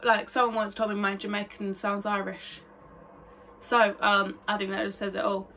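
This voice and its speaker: An aspiring actress in her twenties talks casually and self-deprecatingly to camera, vlog style, from a small attic bedroom indoors. Her mid-range voice is bright and forceful, with a level tone and moderate pace. The phone camera sits a short distance away, and there's a little hiss or hum.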